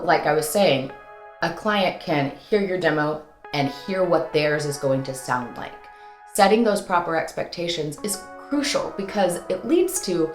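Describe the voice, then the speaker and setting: With a lowish voice in an echoey space, this woman runs a cheerful how-to vlog. She is a voice-over coach whose casual, playful delivery includes dramatic sing-song flourishes.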